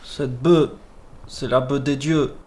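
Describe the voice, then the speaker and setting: Guy acting a solemn mystical stoner in a comedy film, mid-pitched voice. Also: fairly even intonation, slow, darkish tone, slightly rough. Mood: reverent.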